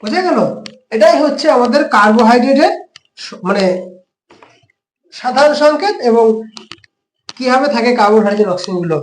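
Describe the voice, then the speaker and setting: High-voiced tutor with a West Bengal accent. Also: male voice, lively intonation, a little fast, pauses often, roomy sound, slight background noise, low-quality recording. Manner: explains step by step with frequent rhetorical questions. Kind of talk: classroom lesson explanation.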